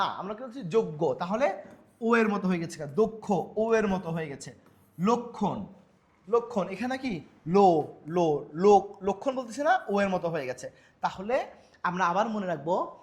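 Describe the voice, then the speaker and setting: A male Bangla teacher lecturing on pronunciation rules, asking questions and answering them himself while repeating example words. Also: high-pitched.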